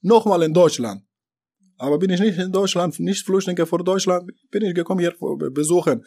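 A man from Afghanistan, not a native German speaker, talking in an interview in halting, broken German with many fillers and restarts. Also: high voice, dark tone. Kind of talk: interview about his deportation.

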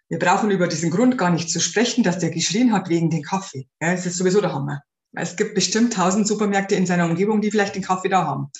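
In a room at home with a window, a woman with a mid-range voice hosts an advice podcast as a spiritual life coach. She speaks earnestly and directly to the listener in a casual style, and the recording has a roomy echo plus a little hiss or hum.

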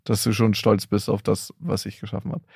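A man's voice: fairly low pitch, level tone, fairly quick, creaky, darkish tone, husky, no room sound, clean studio sound. A young man in a casual podcast chat who asks direct, probing questions and speaks bluntly with a playful edge. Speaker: podcast co-host.

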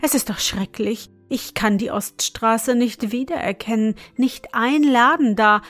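A woman's voice: a little high, unhurried, a bit bright, faint music behind. A woman voicing a fretful older councillor. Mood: plaintive. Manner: complaining, plaintive. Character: fretful bewildered older male judicial councillor.

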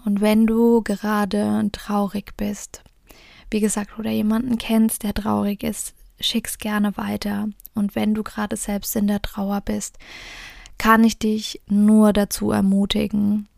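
A woman podcast host reading a fairy tale and then speaking gently and encouragingly to the listener, often near a whisper. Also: mid-range voice, creaky, no room sound, studio quality.

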